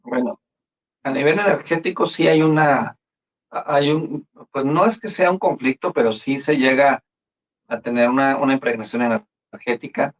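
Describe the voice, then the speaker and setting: A man's voice: medium pitch, steady tone, normal speed. A man speaking as a guest in a live-stream discussion, hesitant and repeating words as he thinks, over a video call. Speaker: panel guest. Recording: dull lo-fi video call audio.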